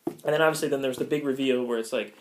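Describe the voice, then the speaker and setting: A man's voice: mid-range voice, racing, slight background noise. A young American man telling a story casually, rambling with many fillers and frequent laughs. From United States. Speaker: vlogger.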